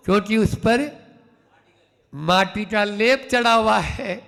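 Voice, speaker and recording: A man, a Jain monk, giving a sermon slowly, repeating key phrases in a rhythmic, emphatic way. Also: sits high, a bit bright. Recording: hall with long reverb.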